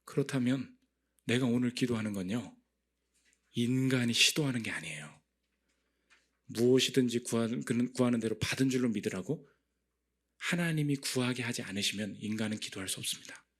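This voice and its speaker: A man's voice: fairly quick, long pauses. Korean man preaching with dramatic swings. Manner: lively preaching, acting out inner voices with big pitch jumps. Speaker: pastor. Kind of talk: sermon. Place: church.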